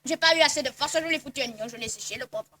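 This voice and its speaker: A woman's voice: high-pitched, racing, sharp tone, far from the mic. A woman playing a muddled, brash traveler in a comedy sketch, rambling on and repeating herself. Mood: boastful. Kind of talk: amateur comedy sketch acting.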